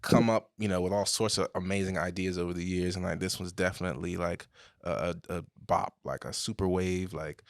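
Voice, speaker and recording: A man's voice: sits low, fairly even intonation, a little fast, gravelly, no echo, clean studio sound. A young man co-hosting a podcast, talking in a hyped, rambling way full of slang. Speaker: podcast co-host. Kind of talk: casual chat.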